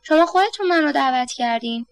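A woman's voice: sits high, expressive, no echo. A woman voicing an impatient, brazen escaped male criminal who grumbles bluntly.

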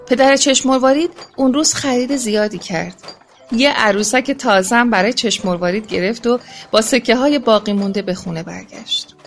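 A woman narrating a children's story in a gentle, expressive reading voice. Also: a little high. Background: faint music.

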